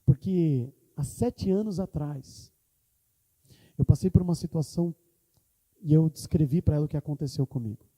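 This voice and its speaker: A man's voice: on the high side, moderate pace, pauses often, mellow, husky. A man preaching a sermon as pastor, with impassioned delivery, quoting prayers aloud. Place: church hall. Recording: church hall reverb.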